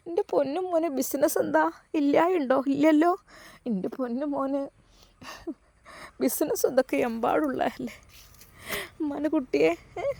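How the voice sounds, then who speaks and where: A woman's voice: sits high, creaky, mellow, no room sound, pitched above the performer's own voice. A woman voicing a tearful elderly mother, pleading and repeating herself.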